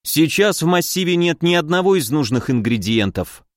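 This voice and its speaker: A man voicing a careful sixteen-year-old boy who speaks in a measured, politely calm way. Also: fairly high pitch, no room sound, clean studio sound, pitched above the performer's own voice, lightly acted.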